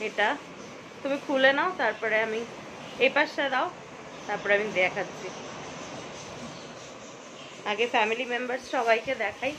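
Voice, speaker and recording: A young woman vlogging casually at home, chatting brightly about food and a family surprise gift. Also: a little high, normal speed, pauses often, noisy background. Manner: chatty, lively, whispers while planning a surprise. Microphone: phone camera.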